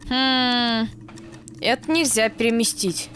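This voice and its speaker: Woman giving quick game tips. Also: on the high side, fairly even intonation, a bit bright, a little hiss or hum. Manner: brief supportive comments and suggestions. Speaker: let's play co-player. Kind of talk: casual co-op gameplay chat.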